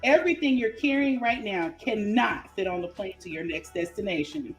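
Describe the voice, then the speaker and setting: A woman giving a motivational affirmation on a morning show, with a slow, emphatic delivery. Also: mid-range voice, faint music behind.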